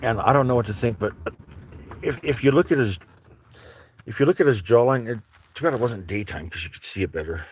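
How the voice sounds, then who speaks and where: A man's voice: mid-range voice, lively intonation, a little fast, long pauses, slight background noise. A man vlogging from his vehicle on private land before dawn, rambling casually and swearing as he talks to his dogs. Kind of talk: casual chat while driving.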